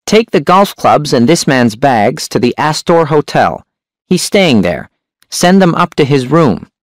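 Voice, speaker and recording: A man voicing a shrewd, menacing hunchback crime boss with a sharp, high voice. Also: sing-song, a little slow, no echo.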